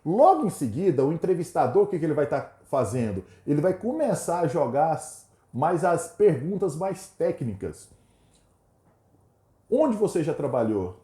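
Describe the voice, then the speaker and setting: A man's voice: on the high side, very animated, normal speed, few pauses, mellow, roomy sound. A Brazilian man giving an instructional talk, explaining points and acting out short example dialogues. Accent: Brazilian Portuguese.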